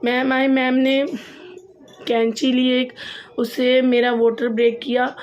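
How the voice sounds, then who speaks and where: A young woman with a slightly high voice tells a personal story straight to her viewers. She talks in a loose, chatty way and keeps repeating phrases for emphasis. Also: little pitch movement, slow pace, darkish tone, dull audio, slight background noise. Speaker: vlogger. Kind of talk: casual storytelling to camera.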